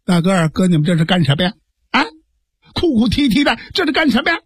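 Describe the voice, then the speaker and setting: Shrewd urgent male officer, played by a male storyteller, high husky voice, dry sound. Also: sing-song, fast, no echo, full character voice. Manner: urgent, pleading, pitched up. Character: shrewd, fast-talking male sworn brother officer. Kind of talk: Chinese storytelling performance.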